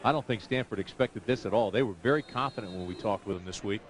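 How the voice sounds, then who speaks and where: A man's voice: lowish voice, fast talker. A man giving college football color commentary, breaking down plays in an easy, conversational way from a broadcast booth. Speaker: color analyst. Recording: loud noise under an old broadcast.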